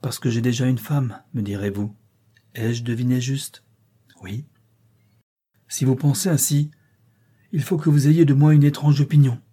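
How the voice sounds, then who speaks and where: Passionate tormented gentleman read by a man, middle-aged, pleading, dark husky voice, storybook reading. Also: medium pitch, fairly even intonation, a little slow, long pauses. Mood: impassioned. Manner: impassioned, pleading.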